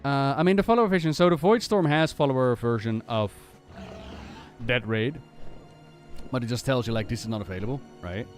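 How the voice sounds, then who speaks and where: A man giving casual live gaming commentary as a streamer, thinking aloud in a halting way with repeated words. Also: mid-range voice, lively intonation, soft background music. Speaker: game streamer.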